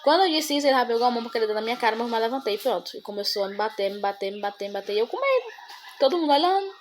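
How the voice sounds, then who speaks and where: Young woman, casual rambling vlog chat, somewhat high voice, faint background noise. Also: expressive, rapid-fire. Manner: rambling, emotional storytelling, addresses viewers as "gente". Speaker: mother vlogging about her son.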